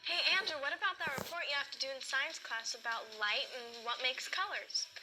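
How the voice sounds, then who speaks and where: A woman's voice: sits high, animated, brisk, noisy background. A woman playing an eager schoolkid who explains the internet to friends in a scripted instructional video. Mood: friendly. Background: music.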